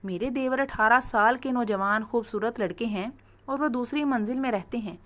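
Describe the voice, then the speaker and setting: A woman reading a scripted first-person story aloud in a steady, earnest manner. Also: fairly high pitch, normal speed.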